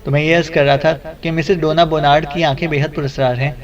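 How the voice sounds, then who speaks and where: A cheeky young male photographer in an audiobook story, as a male reader plays him. He talks in a glib, playful way, fairly high. The recording is dull and lo-fi. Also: flat delivery, lightly acted.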